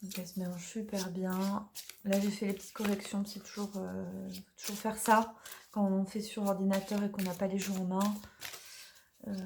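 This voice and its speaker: A woman casually presenting her oracle deck, chatty and hesitant with many fillers, slightly hoarse from allergies. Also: medium pitch, dark tone, slight background noise. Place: dim room in the evening.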